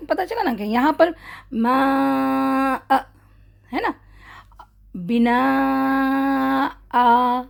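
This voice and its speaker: Woman tutor going over recitation rules, high voice with some fry, stretches out the example words slowly. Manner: explains step by step, often checks in with "theek hai?"; slows down to model drawn-out recitation of example words. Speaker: Quran recitation teacher. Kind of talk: casual online tajweed lesson.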